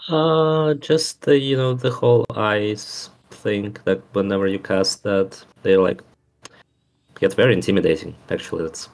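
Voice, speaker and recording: A man with a lowish, creaky voice plays a tabletop game. He talks casually, describing his moves and chatting in character. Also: steady tone, measured pace, darkish tone.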